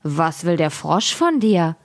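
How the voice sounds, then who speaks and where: A woman reading the lines of a stern, fatherly old king in a calm, firm tone. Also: low-pitched, slow, full character voice.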